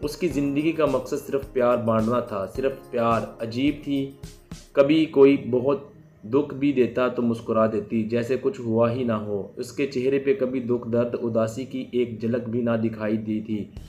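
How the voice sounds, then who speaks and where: A man narrates a moral tale in a scripted, steady reading. His pitch is middling and barely moves. Faint music plays softly behind him. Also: a little slow. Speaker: storyteller.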